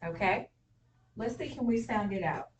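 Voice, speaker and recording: A woman's voice: medium pitch, normal speed, recorded from a distance. A woman teaching spelling to a class. She keeps prompting with questions and fills the gaps with "okay" and "all right." The mic sits well away from her, and a faint hiss runs under the recording.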